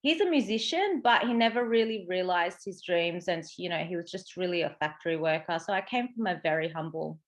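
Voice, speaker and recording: Expressive and a little fast with hardly any pauses, a woman with a lowish voice talks as a guest in a casual interview. She's a psychic medium and coach from Sydney with an Australian accent, chatty and explanatory. "Right" and "you know" come up often as she checks in.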